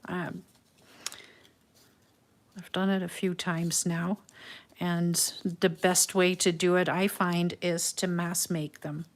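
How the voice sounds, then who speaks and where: Leading a live craft tutorial, a middle-aged woman from the Netherlands chats with viewers in an easy, reflective manner, peppered with ums. She has a Dutch accent, a lowish voice, and a flat delivery.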